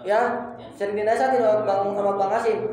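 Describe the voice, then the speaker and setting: Echoey young ustadz, apologetic lecture. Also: male voice, sits high, flat delivery, brisk, a little mellow. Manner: colloquial, apologetic, repeats phrases for emphasis. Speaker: ustadz teaching a religious study circle. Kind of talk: informal religious study lecture. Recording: very echoey room.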